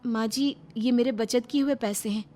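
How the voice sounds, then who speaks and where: A gentle young daughter-in-law in a cartoon family tale, voiced by a woman narrator. Soft, kind and a touch higher than the narrator's own voice. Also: fairly even intonation, moderate pace, faint music behind, close to an everyday voice. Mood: tearful. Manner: soft, tearful.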